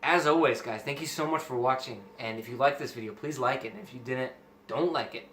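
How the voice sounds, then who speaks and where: A man's voice: mid-range voice, a little fast, fairly bright tone. A man hosting a casual film review, talking emphatically and with enthusiasm. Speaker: host of a film review show. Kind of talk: casual movie review chat. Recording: roomy echo, faint background noise.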